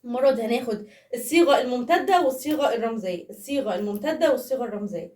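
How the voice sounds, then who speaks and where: A high-pitched woman with an Egyptian accent teaching primary math in a playful, chatty tone, asking the children questions as she goes. Her voice echoes in the room and sits somewhat away from the microphone. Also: very fast, darkish tone, recorded from a distance. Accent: Egyptian Arabic. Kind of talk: casual classroom explanation to young children.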